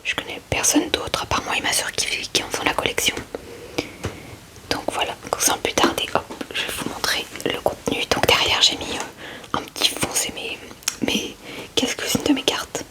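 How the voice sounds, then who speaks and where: A woman hosting an ASMR video shows off her card collection, whispering gentle, hesitant commentary close to the mic at an unhurried pace.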